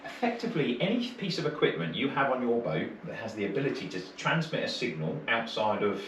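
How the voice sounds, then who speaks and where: A British marine radio course instructor with a mid-range, very animated voice speaks fairly quickly, teaching informally step by step with short checking questions. Recorded in an indoor training room, the sound is roomy with a distant mic and faint noise.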